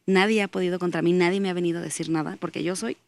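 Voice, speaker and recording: A woman's voice: lowish voice, steady tone, rapid-fire, creaky. A woman, a guest giving an earnest faith testimony as she tells a story and acts out the dialogue in it.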